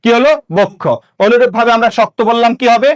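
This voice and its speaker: A man's voice: extremely high pitch, flat delivery, very fast, smooth. A young man teaching an exam-prep grammar lesson, repeating points and asking and answering his own questions.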